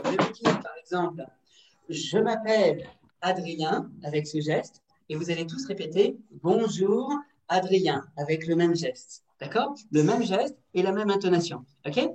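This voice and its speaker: A woman teacher trainer leading an online workshop, lively and directive, often checking in with the group over a video call. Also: low voice, normal speed, background noise. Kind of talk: online workshop on classroom activities. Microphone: computer mic on a video call. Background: building works next door.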